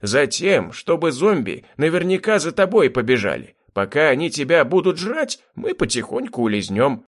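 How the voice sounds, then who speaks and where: Ворчливый язвительный старик в исполнении мужчины, голос выше обычного, живая интонация. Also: male voice, on the high side, very animated, moderate pace, hardly any pauses, pitched above the performer's own voice. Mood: grumbling. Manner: grumbling, scolding, sarcastic. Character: grumpy sarcastic old man, a fighter.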